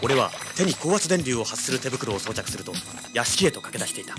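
An actor voices a cocky, hard-boiled young male treasure hunter, an action hero, recounting his tale in tense dramatic narration with music underneath. His medium-pitched delivery is sing-song and a bit quick, close to an everyday speaking voice.

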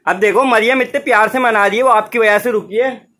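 A man's voice: sits high, fairly quick, pushed and bright. A man filming a casual family vlog at home, teasing and coaxing children in a playful way. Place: home indoors.

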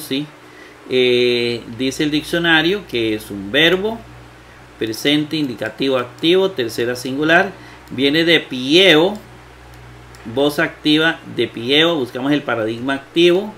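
A man teaches at an unhurried pace, in a slightly high and bright voice. He poses rhetorical questions and answers them himself, with frequent hesitant fillers. Faint noise hums behind him. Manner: thinks aloud with many fillers and rhetorical questions. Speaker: Bible exegesis teacher. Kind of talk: slow explanatory lecture on Greek grammar.

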